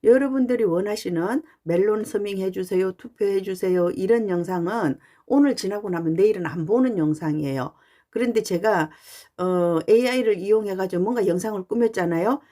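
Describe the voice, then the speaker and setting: Woman vlogger, mid-pitched and mellow, chatty and earnest monologue with frequent "uh" pauses. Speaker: fan channel YouTuber. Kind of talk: casual talking-head monologue.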